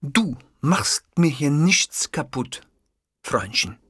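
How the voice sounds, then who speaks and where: A raging, vain male comedian who shrieks his insults in a cracking, very high voice and spits out curses. The voice jumps wildly up and down, bright and loud, recorded completely dry in an audiobook. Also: sing-song, slow, breathy edge, dry recording, exaggerated voice. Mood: furious shouting. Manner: screaming insults, cursing. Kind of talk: audiobook reading.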